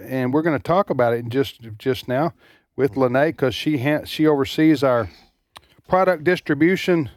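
A man hosting casual talk radio in a studio, folksy and halting, often repeating words. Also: medium pitch, no room sound. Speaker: radio host, ministry president.

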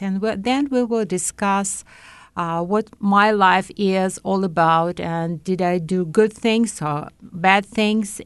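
Older woman, interview guest, slow careful speech, smooth clear voice. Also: fairly low pitch, dry recording. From Uzbekistan. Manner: slow, careful, with pauses and hesitations. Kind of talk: personal testimony.

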